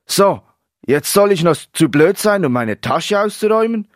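Brash, hot-tempered young keeper, read by a man, raised pitch, dry booth sound. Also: big pitch swings, a little fast, dry recording. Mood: furious. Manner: shouting, brash. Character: young male footballer, hot-tempered goalkeeper.

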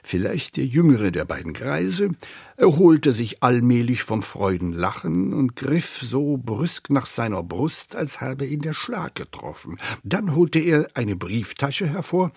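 Slow, gravelly male audiobook narrator. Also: mid-range voice, no room sound, studio quality. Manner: measured, expressive storytelling.

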